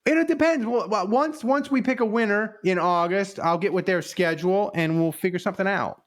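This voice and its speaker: A man's voice: high voice, fairly quick. Male stream host with a raised voice and a teasing, self-mocking manner. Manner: joking, self-mocking banter. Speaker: show host. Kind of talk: casual live-stream chat.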